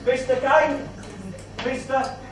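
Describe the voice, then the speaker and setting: Man playing a high-voiced mock-posh gangster compère. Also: level tone. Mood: coaxing. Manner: mock-posh grandiloquence, drawn-out emphasis, repeats phrases. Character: cockney gangster compère, mock-genteel, wheedling and faintly menacing. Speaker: burlesque show compère in comedy double act. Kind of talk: live comedy patter addressed to audience. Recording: roomy live venue, distant mic, faint noise.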